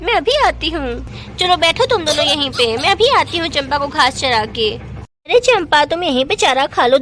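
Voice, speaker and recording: A woman voicing an excited, chatty little village girl in a doll story. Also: sits high, slight background noise. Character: lively little village girl, eager and bossy.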